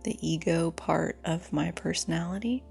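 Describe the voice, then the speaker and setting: A lone female storyteller reflects out loud, pausing long and speaking haltingly about personal things. The phone-recorder memo captures a lowish, slightly mellow, breathy voice that keeps slipping toward a whisper, and faint music sits behind it.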